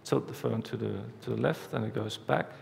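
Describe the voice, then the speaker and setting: A man giving a conference talk, walking through a live demo step by step in a halting way, recorded in a large hall. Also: mid-range voice, gravelly. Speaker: conference speaker. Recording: reverberant hall, faint background noise.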